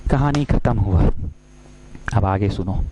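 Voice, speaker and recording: A man with a lowish voice speaks slowly in a classroom-style math lecture, with heavy background noise. He's playful, acting out little dialogues and continually asking students questions.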